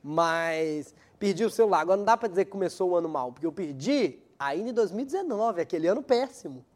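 A man with a high-pitched voice hosts a weekly comedy segment in a loose, rambling stand-up style. He mocks himself and laughs at his own jokes as he goes. A new dental aligner slightly hampers some of his syllables. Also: expressive, fast talker. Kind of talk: stand-up style comic monologue.

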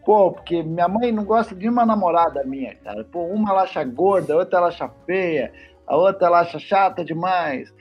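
A man's voice: high-pitched, a little fast, breathy edge, dull audio, soft background music. A male comedian telling a short joke in a casual, slangy manner. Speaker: comedian guest.

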